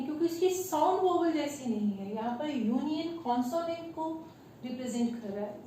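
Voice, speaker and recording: A woman teacher with an Indian English accent explaining grammar to her class, slowly and with many questions to her students. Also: high voice, warm tone. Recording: echoey room, far from the mic, faint hiss.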